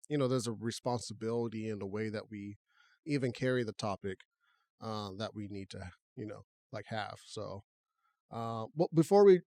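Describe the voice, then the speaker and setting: A man's voice: mid-range voice, no room sound, clean studio sound. A man co-hosting a podcast, chatting casually and thinking aloud as he talks. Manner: relaxed, conversational, talks through restarts. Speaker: podcast co-host.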